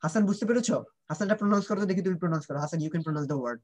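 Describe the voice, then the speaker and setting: The speaker, a man with a high, very fast voice, coaches children on pronunciation during an online lesson. He shifts between Bengali and English, drilling sounds and constantly asking whether the students understand.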